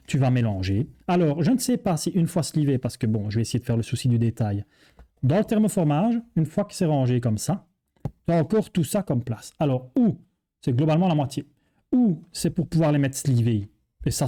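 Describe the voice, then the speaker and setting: A man's voice: mid-range voice, dark tone. A man with a Belgian French accent, presenting a board game in a chatty, joking way and talking straight to the viewer. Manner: jokey, chatty, addresses viewer as tu.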